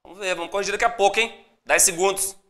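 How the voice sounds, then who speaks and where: A teacher with a Brazilian accent giving a live online exam-prep lesson. Upbeat and encouraging, greets viewers by name and spells out syllables slowly. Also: medium pitch, fairly even intonation, fairly bright tone. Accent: Brazilian Portuguese.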